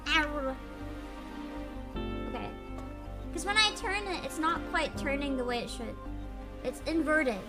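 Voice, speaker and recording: A woman's voice: measured pace, long pauses, over loud music. A woman streaming a game through a voice changer, giggling and swearing while she chats casually. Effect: voice changer raising the pitch. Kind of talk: casual gameplay commentary.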